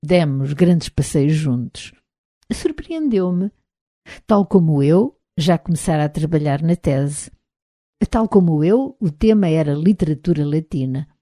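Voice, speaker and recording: A woman with a European Portuguese accent reading a novel aloud as an audiobook narrator, in a measured, even literary delivery. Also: low-pitched, no room sound, clean studio sound.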